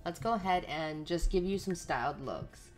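A woman's voice: fairly low pitch, normal speed, faint music behind. A woman giving casual running commentary while playing a life-simulation game, chatting to the characters on screen. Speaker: let's play host.

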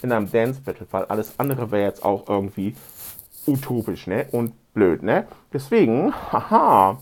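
A man's voice: mid-range voice, big pitch swings, moderate pace, darkish tone, slight background noise. A man doing a rambling comic phone monologue, grumbling indignantly and tagging almost every phrase with a questioning "ne". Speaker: comedian in a fake phone call. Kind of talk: comedic monologue and one-sided phone call.

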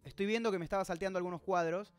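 Male host, high voice, reads a manga live and picks at the details; faint music bed. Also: fairly even intonation, rapid-fire, clean tone, no echo. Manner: reads dialogue aloud, stops to puzzle over details; reads out chat comments. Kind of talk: reading a manga aloud with live commentary.

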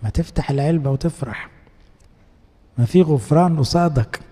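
An Egyptian priest preaches in a relaxed, colloquial way, coaxing his listeners with rhetorical questions. His voice sits a little high but sounds mellow and dark. A long church reverb trails after each phrase. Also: normal speed. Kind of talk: conversational sermon.

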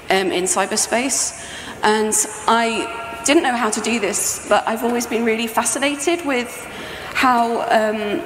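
Speaking in a medium-pitched, fairly bright voice, a middle-aged woman presents her sound art project in a casual, explanatory conference talk. She's on stage at an indoor venue with a projection screen, conversational in manner, and the recording has hall echo and faint background noise.

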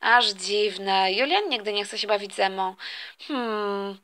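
A woman's voice: mid-range voice, slow pace, fairly bright tone, pitched below the performer's own voice. A woman voicing a puzzled, suspicious older sister in a toy story role-play. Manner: musing, suspicious.

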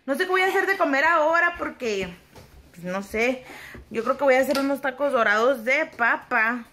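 A young Mexican woman vlogging at home in a high, bright-pitched voice. She chats lively and informally to her followers. Her talk stays casual and conversational. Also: normal speed, noisy background. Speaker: vlogger and mother. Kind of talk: casual vlog chat.

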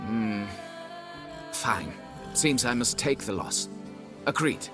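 A pompous, haughty nobleman in a fantasy role-playing game, who looks down on the hired help and fusses over his title. His voice sits mid-range but swoops about with theatrical, lively pitch. Faint music plays behind him. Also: slow. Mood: grudging. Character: pompous snobbish middle-aged male nobleman, vineyard owner. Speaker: client hiring a witcher.

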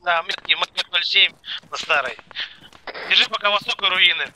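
A man's voice: high voice, normal speed, bright, forceful tone. A man giving brusque, swearing commands as a squad leader over tactical game voice chat. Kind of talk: tactical voice chat during gameplay. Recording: noisy gaming voice chat with gunfire.

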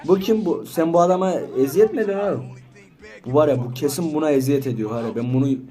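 Excitable man doing gameplay commentary. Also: on the high side, fast talker, faint music behind. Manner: excitable, banters and swears at game characters. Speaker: gaming channel host. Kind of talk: casual let's-play commentary.

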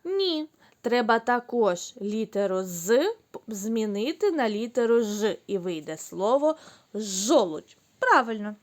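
A woman teaching young children, speaking slowly and clearly, drawing out the syllables. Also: a little high, very animated. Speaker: kindergarten teacher. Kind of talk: recorded online lesson for young children.

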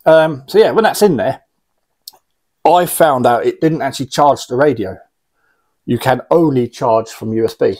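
In a small indoor radio room, a radio hobbyist in his forties rambles a bit while casually demonstrating a product he's unboxing. His mid-range voice has a darkish tone, moving at a normal speed with long pauses.

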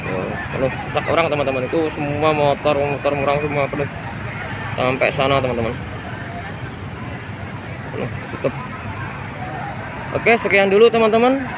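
A citizen reporter vlogger gives an on-the-spot phone video report outdoors at night beside a mall fire on a busy street, holding the phone camera himself. His fairly high voice has lively intonation and a moderate pace broken by long pauses, over crowd noise and loud street noise. He describes the scene urgently and repetitively.

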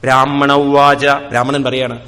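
A man giving a spiritual discourse, chanting verses slowly and then explaining them in plain speech. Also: mid-range voice, flat delivery, bright, forceful tone. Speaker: spiritual teacher. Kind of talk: scripture discourse.

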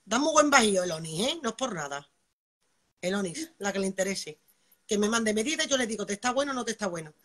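Chatty bright-voiced woman selling live. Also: medium pitch, expressive, fast. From Spain. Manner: chatty, keeps asking "vale", greets viewers by name. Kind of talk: live-stream sales pitch.

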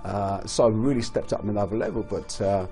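A former footballer talks in a low, mellow voice, frank and halting in places. Faint music sits under his interview. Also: vocal fry. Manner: frank, with frequent hesitations. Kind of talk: documentary interview.

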